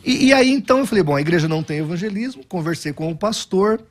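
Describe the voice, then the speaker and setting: This Brazilian Baptist pastor, a middle-aged man, tells lively stories at his own expense while answering interview questions, frequently starting sentences over. He speaks fast in a high-pitched voice.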